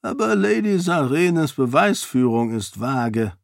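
A man voicing an aged, dignified duke who speaks in a measured, commanding way. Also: mid-range voice, very animated, creaky, dry recording, clean studio sound, voice pushed up, full character voice. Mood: stern measured.

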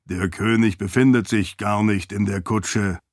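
A man's voice: lowish voice, steady tone, unhurried, no room sound, studio quality. A man voicing a dutiful floating light-spirit servant in an audiobook, stiff, formal and deferential. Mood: warning. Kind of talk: audiobook character voice.

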